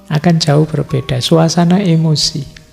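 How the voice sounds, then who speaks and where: Guy lecturing, gravelly dark voice, big echoey hall w faint music. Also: fairly high pitch, fairly even intonation, unhurried. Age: middle-aged. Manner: conversational, teasing everyday examples. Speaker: philosophy lecturer. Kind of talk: study-circle lecture to students.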